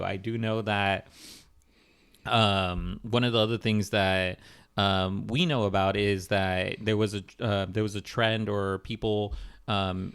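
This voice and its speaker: A man's voice: on the low side, clear, resonant tone. Hesitant young man on a podcast. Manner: hesitant, many ums and restarts. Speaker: podcast co-host. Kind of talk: casual podcast discussion.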